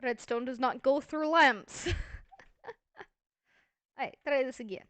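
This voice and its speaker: A woman's voice: sits high, takes it slowly, fairly bright tone, no echo. A woman hosting a casual gameplay video, chatty and thinking aloud with playful self-mockery. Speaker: Minecraft let's-play host.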